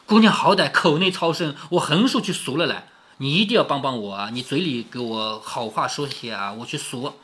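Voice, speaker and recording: A man's voice: high voice, huge pitch swings, moderate pace, few pauses, sharp tone, slight background noise, full character voice. A man reading the lines of a frightened servant woman who pleads for mercy. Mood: pleading.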